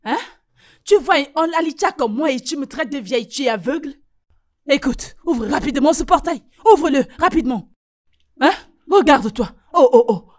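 A woman's voice: sits high, animated, moderate pace. An actress dubbing a bossy, scolding older mother in a French film dub. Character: overbearing older mother visiting her son.

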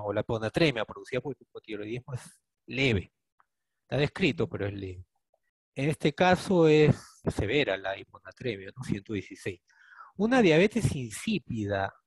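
A man's voice: medium pitch, slightly rough, dry recording. A male physician with a Peruvian accent, teaching a clinical case and questioning his students, often ending points with a questioning tag. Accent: Peruvian Spanish. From Peru. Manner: questioning, Socratic, tags lines with "¿no?".

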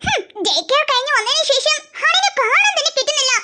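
A woman's voice: very high-pitched, lively intonation, brisk, bright, forceful tone, slight background noise. A woman as a fussy doting cartoon mom. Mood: doting, indignant. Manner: fussy and protective. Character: doting, indignant young mother.

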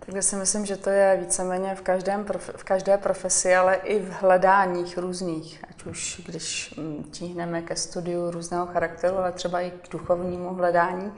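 A woman hosting an interview, asking gentle, thoughtful questions. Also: on the low side, monotone, few pauses. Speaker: interviewer, host. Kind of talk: interview conversation.

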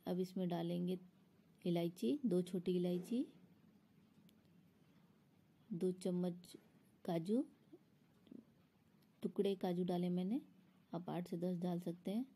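A home cook walks through a recipe step by step in an instructional voice-over. Her lowish voice is warm with a breathy edge, fairly even in intonation, slow, and often paused.

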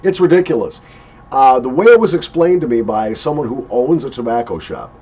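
An older man talks through a casual review with lots of swing in his pitch. His voice is husky and emphatic, and he sounds opinionated. The recording is a dull webcam capture from a home office desk. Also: expressive, fairly quick, a little mellow. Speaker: pipe tobacco reviewer. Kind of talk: casual unscripted product review. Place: small cluttered home office, indoors.

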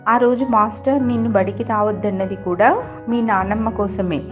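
A woman voicing a calm childhood friend. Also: medium pitch, normal speed, natural voice. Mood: explaining. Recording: slightly dull, faint music behind.

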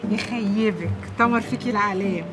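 A woman's voice: medium pitch, a little fast, close to an everyday voice. Actress doing a desperate egyptian girl, wailing and pleading, music score under her. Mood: chatty. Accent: Egyptian Arabic. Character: wronged, desperate young working-class woman. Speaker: film actress. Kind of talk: film melodrama acting. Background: film score music.

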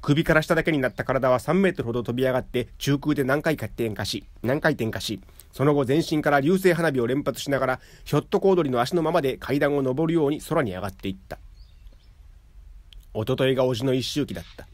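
A man reading literary fiction aloud in a calm, measured way. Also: mid-range voice, dry recording. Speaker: narrator.

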